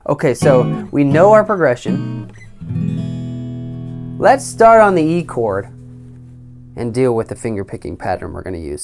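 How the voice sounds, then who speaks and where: A man giving an instructional guitar lesson in a careful, unhurried way, explaining step by step. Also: mid-range voice, darkish tone. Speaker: guitar teacher. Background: acoustic or electric guitar playing.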